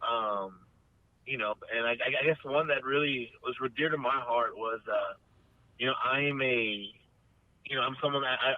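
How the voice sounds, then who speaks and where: A man's voice: mid-range voice, normal speed, no room sound. A man, a band member guest in a casual interview, talking earnestly and rambling with many restarts. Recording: dry, phone-like remote line.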